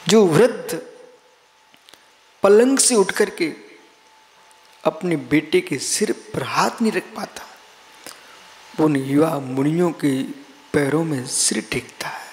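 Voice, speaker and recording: A man's voice: a little high, lively intonation, takes it slowly, pauses often. A man, a Jain monk from India, giving a live sermon in a rhythmic, repeating way and calling on listeners by name. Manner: rhythmic chanting, repetition, addresses listeners by name. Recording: long hall reverb.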